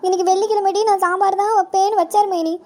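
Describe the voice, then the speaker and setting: A woman voicing a bossy, whiny young wife in a cartoon comedy, pleading in a shrill, whining way. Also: fairly even intonation, fast talker, dark tone. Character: bossy, whiny young wife who beats her husband. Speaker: visiting sister-in-law.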